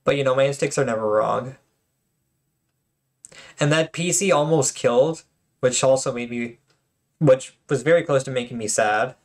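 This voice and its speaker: A man's voice: medium pitch, normal speed, long pauses. A man hosting his own channel and commenting casually on tournament replays, chatty and joking, with lots of fillers and restarts.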